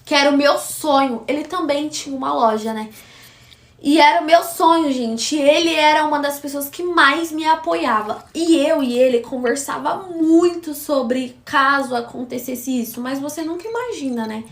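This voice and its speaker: High-voiced woman telling a story. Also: normal speed. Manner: emphatic, slangy, repeats herself. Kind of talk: casual storytime. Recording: echoey room with faint music.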